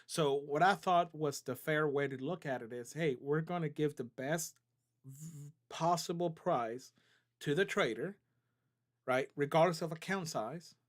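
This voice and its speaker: The CEO of a trading company hosts a live stream, fielding viewers' chat questions in an unhurried, conversational way. His voice is on the high side, and he keeps checking in with "right?" and "okay?". His delivery is loose, full of fillers and restarts.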